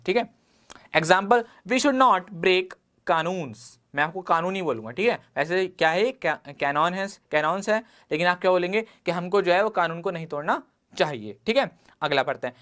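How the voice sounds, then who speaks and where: His voice sits high with a fairly bright tone as he teaches exam vocabulary in an Indian English accent. Hindi and English mix freely while he asks the class rhetorical questions and offers everyday examples.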